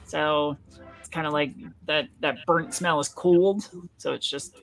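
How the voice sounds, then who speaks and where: A woman game master improvising tabletop game narration in a halting, amused way. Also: low voice, fairly even intonation, rough recording.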